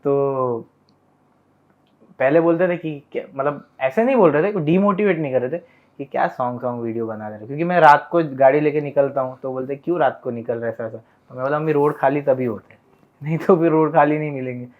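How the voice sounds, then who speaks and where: A man's voice: a little high, fairly quick. A young man chatting as a podcast guest, telling stories and acting out family dialogue. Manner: animated retelling that acts out family dialogue. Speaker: podcast guest, content creator. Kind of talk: casual storytelling chat. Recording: tinny phone-like sound.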